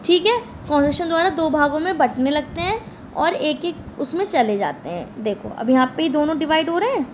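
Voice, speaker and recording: A woman's voice: high voice, animated, brisk, a little hiss or hum. A woman teaching a class who keeps asking her students questions and answering them herself. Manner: repeats questions back to students. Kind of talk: lecture.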